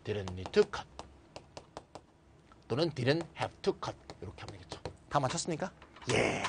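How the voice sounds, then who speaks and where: A man's voice: mid-range voice, measured pace, gravelly, noisy background. A middle-aged man giving a recorded grammar lecture who checks with his students and acts out short everyday lines. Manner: lively, switches between formal and casual speech, often asks students to confirm.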